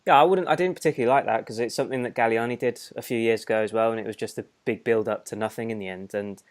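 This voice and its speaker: A man's voice: mid-range voice, rapid-fire. A man co-hosting a casual fan podcast, chatty and laughing easily as he reads out listener comments. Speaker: podcast co-host.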